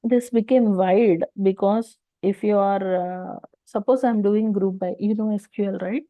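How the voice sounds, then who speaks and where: A woman with a South Indian accent and a medium-pitched voice teaches an informal data engineering lesson at an unhurried pace, explaining step by step and often posing questions she answers herself. The audio is narrow and tinny, with no room sound.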